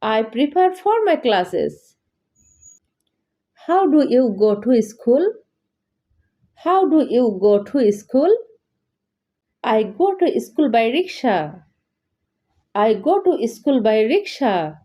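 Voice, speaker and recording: A woman teaching English, saying each practice line twice in a slow, deliberate way for beginners. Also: a little high, big pitch swings, dull audio. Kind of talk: slow repeated dialogue drills for learners.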